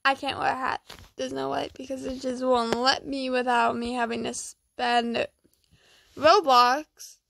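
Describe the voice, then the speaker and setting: A young woman chatting casually as she hosts gameplay, keeping quiet because others are asleep, tired and dry-throated from just waking up. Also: sits high, steady tone, unhurried, gravelly. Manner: quiet, hushed, so as not to wake someone asleep. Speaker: gaming vlog host. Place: indoors at home.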